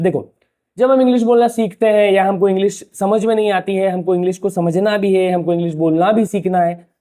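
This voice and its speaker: A man's voice: high voice, warm tone. A man teaching a lesson in a casual, chatty way. He asks rhetorical questions and speaks to viewers like a familiar tutor. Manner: rhetorical questions, addresses listeners as "bhaiya". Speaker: English teacher. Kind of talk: casual explanatory lesson to camera.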